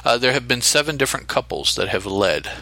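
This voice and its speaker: A man co-hosting a podcast, talking casually with halting restarts. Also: medium pitch, sing-song, gravelly, bright, forceful tone. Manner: halting, with restarts and counting aloud. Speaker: podcast co-host. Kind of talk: casual chat.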